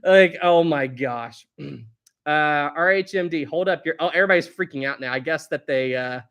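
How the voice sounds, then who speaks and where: Speaking at normal speed in a slightly high, fairly bright voice, a thirtysomething man runs a relaxed live stream. He's chatty, laughs a lot, and reads the chat out loud in playful bursts.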